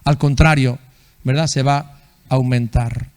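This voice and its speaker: A man's voice: mid-range voice, fairly even intonation, unhurried, a little mellow. A man preaching a sermon as pastor in a church, in a conversational way, often checking with the congregation and acting out quoted people in a raised voice.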